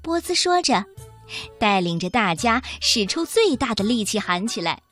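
A woman reading a children's picture book aloud, in an expressive, sing-song storytelling voice. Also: a little high, normal speed, faint music behind.

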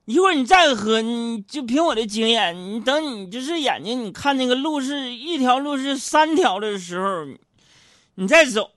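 A man's voice: very high-pitched, expressive, moderate pace, fairly bright tone, no room sound, studio quality, voice pushed up. A man voicing a tipsy middle-aged drinking buddy with a Northeastern Mandarin accent, giving slurred, know-it-all advice. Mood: insistent.

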